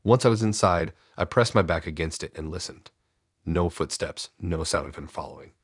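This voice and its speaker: A man tells a scripted first-person horror story in a slow, measured way. His voice sits extremely low and has a husky edge. The recording is dry and close, with no room sound. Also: no room sound.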